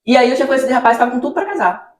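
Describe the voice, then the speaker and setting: A woman's voice: high-pitched, animated, racing, roomy sound. A Brazilian woman pastor telling her testimony in an interview, acting out her own dialogue as she tells the story. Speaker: pastor, children's ministry leader. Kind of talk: testimony in a church podcast interview.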